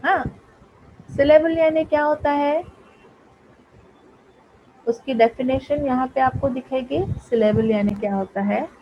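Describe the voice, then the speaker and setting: A woman teaching an English class, explaining slowly and often checking that her pupils follow. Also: high-pitched, dull audio, slight background noise. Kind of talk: online class lesson in Hindi and English.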